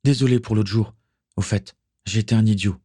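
A man voicing a loyal young male pirate sailor with a gentle, wistful way of talking. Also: lowish voice, steady tone, normal speed, husky, no room sound, studio quality, pitched above the performer's own voice. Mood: friendly.

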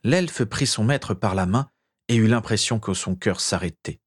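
A man narrating a story in a measured, expressive storytelling manner. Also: on the low side, slightly rough. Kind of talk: dramatic story reading.

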